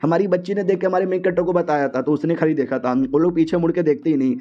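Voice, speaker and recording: A man's voice: fairly high pitch, fast, lo-fi sound. A man narrating a story recap in a casual, chatty way, mixing in English words.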